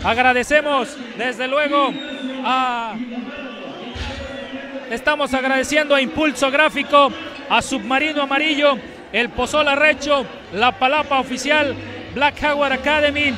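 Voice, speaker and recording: A man commentating live lucha libre as an excited, shouting wrestling commentator. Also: very high voice, measured pace. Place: large packed indoor arena, ringside. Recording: loud arena crowd behind the voice. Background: cheering crowd.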